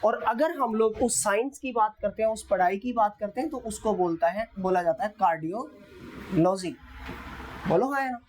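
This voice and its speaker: A woman teaching a classroom vocabulary lecture who asks her students questions and answers them herself, reading English example sentences slowly. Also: mid-range voice, darkish tone, a little hiss or hum, poor audio.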